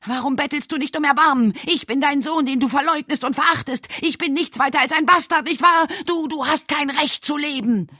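A woman voicing an enraged young man who screams threats in a rant, her voice pushed far above her own pitch and loud. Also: brisk, hardly any pauses, dry recording, clean studio sound. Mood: furious. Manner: screaming, ranting.

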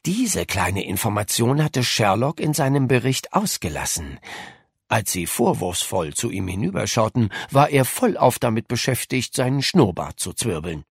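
A man narrating a children's audiobook in a lively, expressive way. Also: medium pitch, normal speed, creaky, husky, dry recording, studio quality.

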